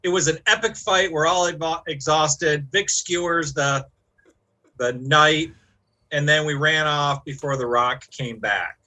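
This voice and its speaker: A man recapping the last tabletop game session in a lively, storytelling way. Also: a little high, measured pace, rough recording. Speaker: player giving the recap.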